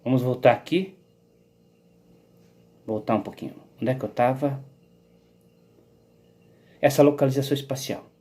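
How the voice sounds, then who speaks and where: A man's voice: mid-range voice, normal speed, pauses often, warm tone. A man giving a rambling philosophical monologue about his own theory. He digresses, repeats words and keeps checking "entendeu?".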